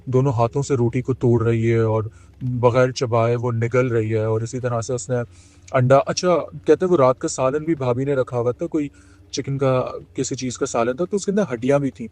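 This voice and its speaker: A man's voice: medium pitch, darkish tone, dry recording. Man telling a horror story. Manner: retells a friend's account with many pauses and fillers. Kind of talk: casual spoken horror storytelling.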